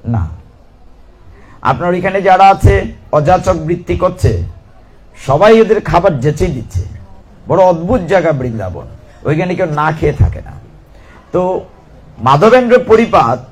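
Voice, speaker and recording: A man with a somewhat high voice preaches a devotional sermon, telling a sacred story in an unhurried storytelling way. He stops often to ask the listeners questions and breaks into chanting. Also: breathy edge. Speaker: Gita reciter and preacher. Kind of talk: devotional scripture reading and storytelling.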